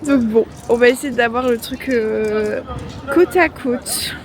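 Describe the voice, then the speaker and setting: A young woman vlogging at an airport after a tiring trip chats to camera casually, slangy and joking, filled with fillers. She talks slowly in a fairly high voice over music and crowd noise.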